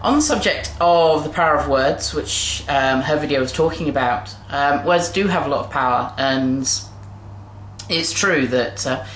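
A young woman talking casually to a webcam in a small bedroom, gentle and hesitant with many fillers. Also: deep voice, a little slow. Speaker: vlogger. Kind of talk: casual video response. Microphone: webcam at desk distance. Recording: roomy bedroom echo, faint hiss.

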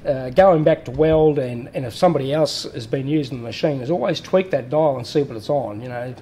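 With a dark tone and medium pitch, a fairly quick-speaking man takes a welding machine step by step in a workshop. It's a plain-spoken technical walkthrough with fillers and restarts, over a little hiss or hum.

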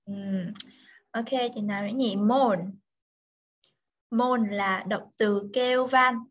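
A woman with a mid-range voice speaks slowly and with fairly even intonation. She is tutoring English over a video call, mixing Vietnamese and English and patiently correcting pronunciation one word at a time. The call audio is dull and lo-fi.

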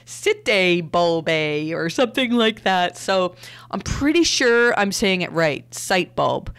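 A woman's voice: mid-range voice, animated, measured pace, a bit bright, clean tone. A woman hosting a solo podcast, talking casually with frequent fillers and restarts. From Canada. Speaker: podcast host.

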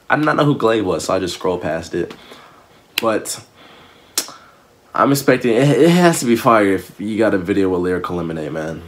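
Low-voiced young man reacting casually. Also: a little hiss or hum. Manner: slangy, loose and emotional, often addressing viewers as "y'all" and "bro". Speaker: music reaction host.

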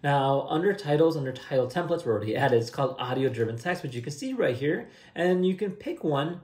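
Fairly high-pitched, animated, and a little fast yet slightly mellow, this young man hosts a software tutorial channel. His screen-share tutorial is casual, upbeat, and conversational, recorded with roomy, echoey indoor sound.

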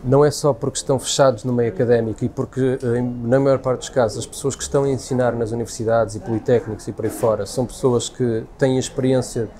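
A forties-aged man with a European Portuguese accent is interviewed casually in a bustling café, thinking out loud with frequent restarts. He talks quickly with few pauses, his mid-range voice steady and mellow. The chatter of the café crowd can be heard in the background.

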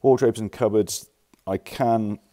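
Low, mellow-voiced man walking through stock. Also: steady tone, a little slow. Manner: chatty, informal, self-correcting. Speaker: furniture dealer. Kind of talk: casual walkthrough of stock. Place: indoor furniture warehouse. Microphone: handheld phone camera.

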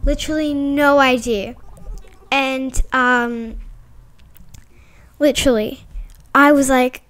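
A woman giving casual, chatty gameplay commentary as a vlogger, excitable and full of fillers. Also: high voice, slow pace. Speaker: gaming vlogger.

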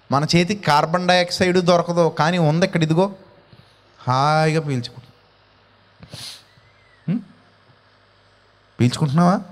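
A male pastor preaching a sermon in an animated way, full of rhetorical questions. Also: on the high side, long reverb tail.

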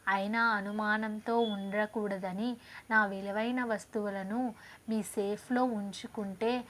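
A woman reading the lines of a suspicious, polite foreign merchant in a storybook tale, making a slow, formal request. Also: high-pitched, level tone, fairly bright tone.

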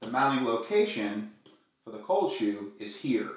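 A middle-aged man hosting a gear tutorial, walking through each step in a friendly, clear way. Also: mid-range voice, big pitch swings, a little slow. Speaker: video tutorial host. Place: small room indoors, echoey. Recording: very echoey room.

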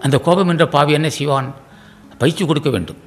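A man giving a devotional sermon as a spiritual teacher, repeating pleading rhetorical questions and often clearing his throat. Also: a little high, fast, faint music behind.

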